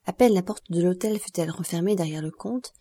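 A woman narrating a classic novel as an audiobook, reading in a measured, expressive way. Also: on the low side, slightly rough.

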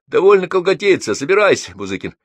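A man's voice: sits high, big pitch swings, fast, no room sound, pitched above the performer's own voice. A male reader voicing a bossy, insistent neighbor in a raised, folksy voice for an audiobook. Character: pushy loud middle-aged male neighbor.

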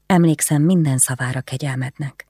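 Brief: timid yet bold young widow, read by the narrator, soft and hushed, dry close sound. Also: female voice, low voice, husky, dry recording. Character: young noble widow, shy but bold.

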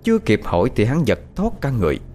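A man narrating a ghost story as storyteller, dramatic and expressive. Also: mid-range voice, fast talker, slight background noise.

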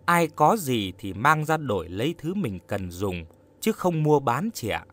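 A man's voice: medium pitch, sing-song, a little slow. A cheerful, helpful young village lad, as a male narrator reads him, friendly and explaining things plainly. His voice rises and falls freely. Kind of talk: audiobook character reading.

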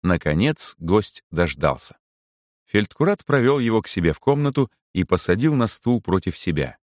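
A man narrating a novel as an audiobook, with an expressive storytelling delivery. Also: on the low side, moderate pace, no room sound, studio quality.

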